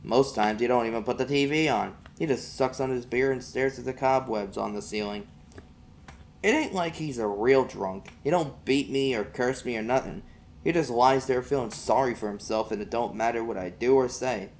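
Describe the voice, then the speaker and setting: An amateur audiobook reader, a man with a medium-pitched voice, narrates a story in a folksy first-person style at a moderate pace. A little noise sits under the recording.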